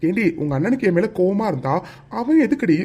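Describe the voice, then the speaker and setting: A man's voice: high-pitched, very animated, fast, dark tone, lo-fi sound. A man voicing a young male lover in a cartoon, who teases and scolds his fretful sweetheart. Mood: exasperated. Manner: teasing, scolding, exasperated. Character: teasing young male lover, exasperated but fond. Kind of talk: cartoon dialogue.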